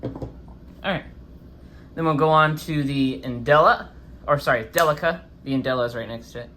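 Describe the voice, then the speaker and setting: A man who hosts a knife review channel talks in a casual, chatty way, his voice on the high side with a sharp tone and a moderate pace. A swollen face from having his wisdom teeth out slightly impedes his speech. There's slight background noise.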